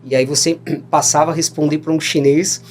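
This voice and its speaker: A Brazilian man in his thirties, guesting on a podcast, tells stories in a loose, rambling way, often tacking on "né?" and laughing along. His voice is slightly high and steady, and he talks fairly quickly. Soft music plays in the background of this casual storytelling interview.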